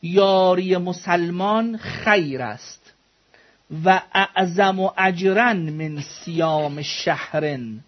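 A man's voice: high voice, lo-fi sound. A man teaching a religious studies class, explaining texts word by word, questioning students and joking with them.

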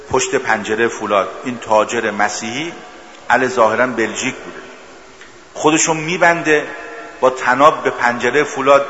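A man's voice: medium pitch, pushed and bright. Man preaching a religious sermon, narrates stories, roomy hall with faint background noise. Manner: storytelling, later rising into chanted lament. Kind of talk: religious sermon with storytelling and mourning recitation. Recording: echoey hall, slightly dull with faint noise.

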